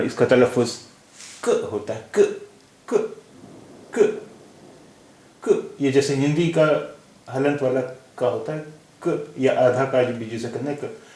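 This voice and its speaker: A man's voice: fairly high pitch, a little mellow. A man teaching a language lesson in a patient way, repeating each sound several times. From India. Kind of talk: slow explanatory lesson. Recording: echoey room.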